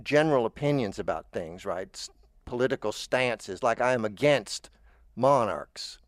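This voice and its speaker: A man's voice: mid-range voice, animated, normal speed, no room sound, clean studio sound. An American man chatting casually as a show host, rambling and stammering through restarts. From United States. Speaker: podcast host. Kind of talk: casual chat.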